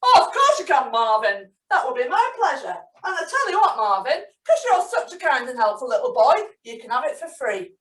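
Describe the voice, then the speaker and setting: A woman plays a kindly, cheery fishmonger who fusses over a child and praises him. The voice is lively in pitch and sounds roomy and far from the mic. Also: normal speed, few pauses. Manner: fussing and encouraging.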